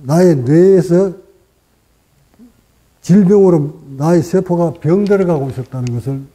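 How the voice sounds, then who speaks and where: A man delivers a dharma talk as a Buddhist meditation teacher. His voice sits a little high but has a very dark, mellow tone. He speaks in short, measured phrases, pausing often and pushing up in pitch to stress a point. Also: low-quality recording. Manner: deliberate, short phrases with pauses, rising for emphasis.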